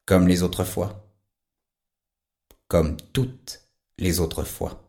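A man playing a calm, wistful private eye. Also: fairly low pitch, measured pace, natural voice. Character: odd private detective, calm, faintly sad man. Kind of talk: audio drama acting.

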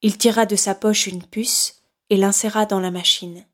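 Woman, audiobook narrator, steady measured reading, mid-range voice. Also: medium pitch. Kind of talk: scripted narration.

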